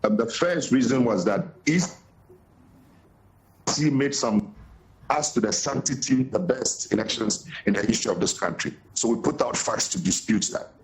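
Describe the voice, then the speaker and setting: A man speaking as a political guest over an unclear, clipped call-in line, in a measured, formal way. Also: mid-range voice, roomy sound, rough recording. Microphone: remote call-in connection.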